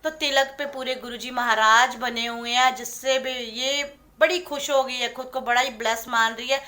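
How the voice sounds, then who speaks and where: A woman talks in a devotional vlog, filming on a handheld phone inside a home. Her voice sits high and bright. She speaks warmly and coaxingly, often turning to her viewers. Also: fairly even intonation, normal speed. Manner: warm, coaxing, addresses viewers as sangat ji. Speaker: vlogger. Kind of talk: devotional vlog, chatty storytelling. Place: indoors in a home. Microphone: handheld phone camera.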